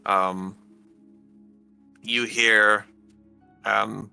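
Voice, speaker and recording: A man running a tabletop game as game master, narrating in a halting way full of fillers and restarts. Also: on the low side, level tone, creaky, bright, forceful tone, clear, resonant tone, dry recording, soft background music.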